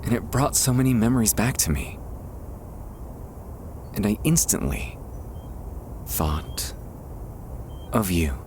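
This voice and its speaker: A man with a fairly low, expressive voice performs an acted ASMR boyfriend monologue as a nervous, tender childhood best friend. His mood is wistful, and his speech is hesitant and halting with trailing pauses, set against faint, soft outdoor park ambience.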